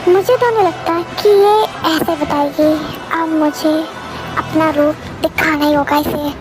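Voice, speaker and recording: A young woman voicing a sneering, threatening male villain, over loud music. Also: very high voice, fairly even intonation, measured pace, rough recording. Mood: menacing.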